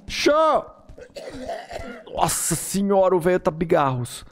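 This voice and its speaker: Animated Brazilian man playing a game. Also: mid-range voice, moderate pace, gravelly. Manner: slangy, swearing, reactive. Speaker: gaming video host. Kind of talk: casual let's-play commentary.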